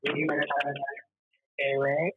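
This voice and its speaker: A man's voice: a little high, monotone. Man on an echoey call line. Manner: halting, restarts phrases. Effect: cave-like echo on his voice. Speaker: guest on a call. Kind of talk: casual call-in advice. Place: room in a boarding house. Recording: muffled call line with cave echo and noise.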